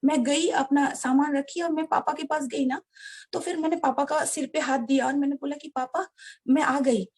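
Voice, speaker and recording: A woman telling a personal story to a devotional gathering, earnest and halting, often addressing her listeners directly. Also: sits high, steady tone, a little mellow. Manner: many restarts and hesitations. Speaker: devotee sharing a personal experience. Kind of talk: heartfelt personal storytelling to an audience.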